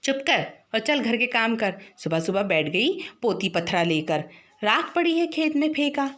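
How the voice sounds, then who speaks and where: A woman's voice: sing-song, normal speed, a bit bright. Woman teacher reading a story aloud. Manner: acts out the characters' lines with raised pitch.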